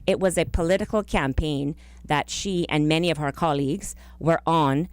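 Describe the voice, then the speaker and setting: This woman, a government minister, is a studio guest on a political radio show, her phrasing formal, careful and halting. Her low-pitched voice sounds smooth in a dry recording made close on a boom-arm broadcast mic in a small studio.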